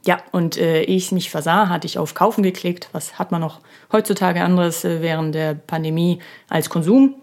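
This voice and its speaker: A woman's voice: lowish voice, steady tone, normal speed, few pauses, darkish tone. A woman in her thirties hosting her own podcast, talking alone in a chatty, self-ironic way with many filler sounds. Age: 30s. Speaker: podcast host. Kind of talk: casual solo podcast monologue. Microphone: studio microphone.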